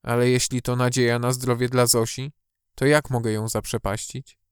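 A poor, god-fearing village mother, as a male storyteller puts her on, fretful and full of worried questions. The voice stays clear and smooth at a mid pitch, recorded close and dry. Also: little pitch movement, moderate pace, no room sound, natural voice. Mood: anxious. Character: poor, anxious, devout mother fearing for her sick daughter.

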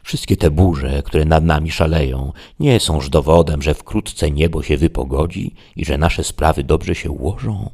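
A man's voice: a bass voice, unhurried, hardly any pauses, a little mellow, husky, exaggerated voice. A man reading a storybook aloud, voicing a deluded, grandiloquent old knight who gives solemn, declamatory speeches.

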